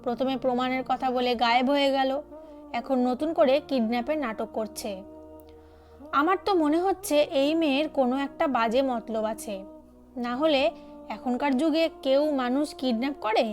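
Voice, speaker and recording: Woman reading a sneering, suspicious dad in an audio drama; high pitch, accusing tone. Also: moderate pace, soft background music, lightly acted. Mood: scornful. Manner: scornful, accusing. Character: suspicious, scornful older father.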